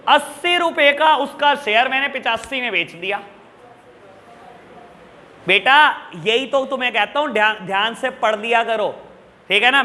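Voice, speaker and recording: Male teacher, high piercing voice, fatherly scold who keeps quizzing the class, echoey room with a long tail. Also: sharp tone. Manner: scolding, fatherly, calls students son, rhetorical questions. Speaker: accounts teacher. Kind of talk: classroom lecture. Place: classroom with students.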